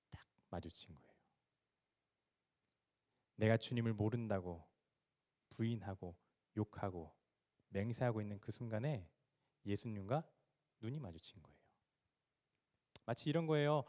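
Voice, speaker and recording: A man's voice: fairly low pitch, normal speed, pauses often, warm tone. A male pastor preaching a sermon, retelling a story dramatically and asking his listeners questions.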